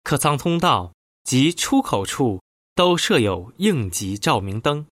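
A man delivers in-flight cabin announcements at an unhurried, deliberate pace, his pitch rising and falling a lot. The recording is close and dry, with almost no room sound around the voice. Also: very animated, a bit bright, no echo. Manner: slow, measured announcement delivery.

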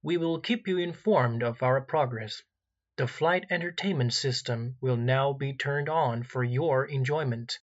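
A man reading recorded airline cabin announcements in a formal, measured way, pausing where details would be filled in. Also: medium pitch, dull audio. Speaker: in-flight announcer.

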